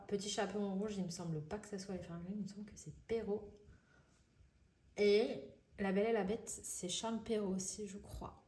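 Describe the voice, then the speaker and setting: A woman's voice: medium pitch, mellow, echoey room, slight background noise. A woman from France chatting casually through an unboxing, thinking aloud with lots of fillers. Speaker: vlogger.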